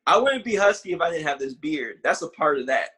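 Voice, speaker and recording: A man in his late twenties co-hosts a podcast, chatting casually and reflectively while searching for his words. His voice is on the high side and sing-song, brisk, a bit bright, with a breathy edge.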